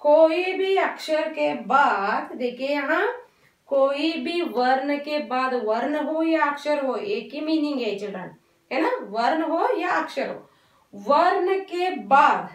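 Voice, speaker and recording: Slow, patient woman teaching children in echoey room. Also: sits high, expressive, far from the mic. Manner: patient, repeats and drills words, mixes English into Hindi. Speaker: primary school Hindi teacher. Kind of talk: slow online class lesson.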